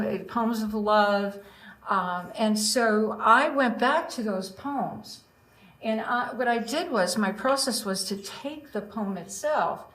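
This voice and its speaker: A woman's voice: a little high, fairly bright tone, rough recording. An older woman speaking as an open mic poet, chatty and digressive, often addressing her listeners directly. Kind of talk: casual spoken introduction to her own poems, with short recitations.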